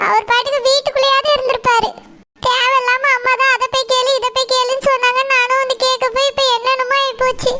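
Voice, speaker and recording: A pleading young cartoon wife with a very high, piping voice, played by a voice actor. She presses on gently, asking to be heard, over a loud hissing background noise. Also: little pitch movement, fast. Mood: hurt. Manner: pleading, softly insistent. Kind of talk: cartoon voice acting.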